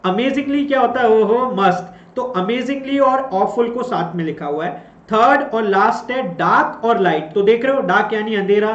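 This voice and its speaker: A man giving an online English grammar lesson, mixing two languages, reading definitions slowly and often checking that listeners follow. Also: high-pitched. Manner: mixes Hindi and English, reads definitions slowly, keeps asking if it is clear. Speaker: English teacher. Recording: echoey, slightly dull room recording.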